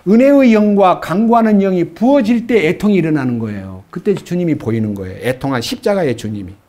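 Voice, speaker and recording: A man's voice: high voice, animated, fairly quick, warm tone. A man preaching a church sermon. He reads long scripture passages aloud and puts questions straight to the congregation. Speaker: pastor.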